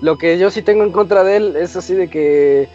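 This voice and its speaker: High-voiced Mexican man chatting about games. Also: normal speed, a little mellow, lo-fi sound, faint music behind. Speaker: video game podcast panelist. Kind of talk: casual chat about video games.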